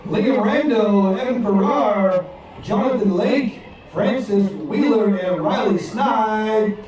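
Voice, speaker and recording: A man's voice: high-pitched, slow pace, slight background noise. A man announcing players and plays as a stadium public address announcer at a football game. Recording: echoing distant stadium loudspeaker with crowd. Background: crowd.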